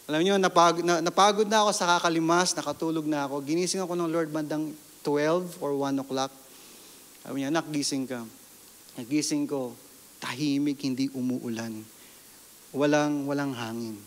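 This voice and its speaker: Filipino pastor guy telling a story in church, kinda high voice, asks the crowd stuff. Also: fairly even intonation, moderate pace, big-room sound. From Philippines. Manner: storytelling with questions to the congregation. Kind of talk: sermon testimony.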